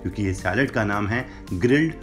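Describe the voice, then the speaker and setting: Over soft background music, a young cooking-channel host narrates a recipe demonstration in a brisk, animated way. His voice is lowish with a fairly bright tone. Instructing step by step in Hindi with English phrases slipped in, he works in a home kitchen with a brick wall.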